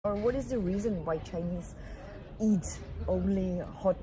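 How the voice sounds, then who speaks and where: A woman's voice: medium pitch, a little slow. Hesitant woman host amid crowd chatter. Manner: hesitant, with restarts and fillers. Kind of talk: casual interview.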